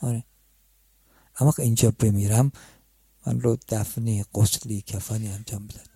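Preacher guy doing a poor wandering beggar man, humble and pleading, mellow low voice. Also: steady tone, gravelly, slightly rough, dry recording.

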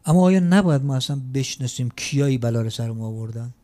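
A man preaching a sermon, shifting between loud emphatic declarations and quiet asides. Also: mid-range voice, lively intonation.

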